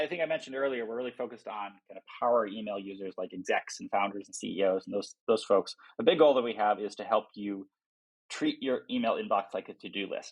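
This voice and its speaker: This podcast guest, a man who founded a software company, talks through his product informally and explanatorily, frequently acting out imagined quotes. He has a husky, mid-range voice, and the recording quality is low.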